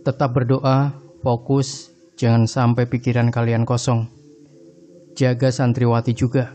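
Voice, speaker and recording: A man voicing a calm male religious cleric in a horror story, speaking in a measured, instructive way. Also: mid-range voice, faint music behind, close to an everyday voice. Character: calm male Islamic boarding school cleric.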